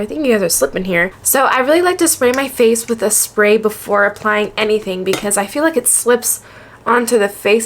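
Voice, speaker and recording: A woman's voice: fairly high pitch, a little hiss or hum. A young woman from Alabama, chatting casually through a makeup tutorial, rambling and correcting herself as she goes. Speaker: beauty vlogger. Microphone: camera on a makeshift tripod.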